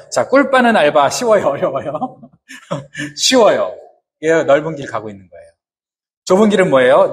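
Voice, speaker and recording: A male pastor delivers a sermon in a slightly high voice. He keeps putting questions to the congregation and answering them himself, in casual, joking everyday words. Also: slight background noise.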